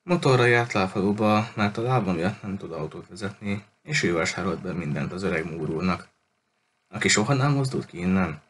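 A man's voice: low voice, expressive, a bit bright, slight background noise. A man reading a matter-of-fact red-haired boy. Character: red-haired boy, quiet village storyteller.

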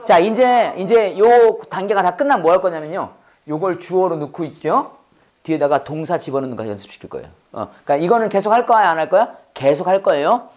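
A high-voiced man talks fairly quickly while leading a Bible English class, drilling students with call-and-repeat and firing questions at them. He stays chatty and animated and laughs a lot.

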